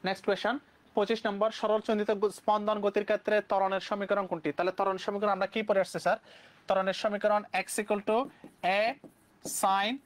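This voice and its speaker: A young man from Bangladesh with a Bangladeshi Bengali accent, teaching physics exam questions briskly and mixing English terms into his speech. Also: high-pitched. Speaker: physics tutor. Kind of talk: exam-prep lesson.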